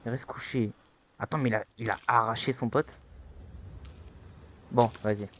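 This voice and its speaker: A young man giving casual let's-play commentary, taunting and excitable, with sudden high-pitched yelps. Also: a little slow, a little hiss or hum. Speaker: gaming youtuber.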